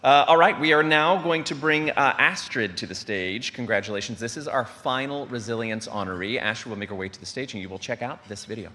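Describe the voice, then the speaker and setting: A man's voice: mid-range voice, brisk, hardly any pauses, sharp tone. A man emceeing a charity luncheon on stage, upbeat and rallying the audience over a PA microphone. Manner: upbeat, hypes the crowd. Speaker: show host. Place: large banquet hall. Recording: hall reverb with crowd and noise.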